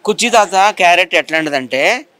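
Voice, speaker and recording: Man, rapid indignant complaints, slightly high voice, interview. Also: lively intonation, sharp tone. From Vizag. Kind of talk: heated interview.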